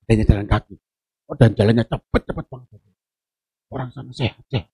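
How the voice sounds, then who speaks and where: A man preaching a sermon at a church service, telling stories with jokes and swinging from low murmurs to shouted preaching. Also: quick pace, gravelly, slightly rough. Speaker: pastor.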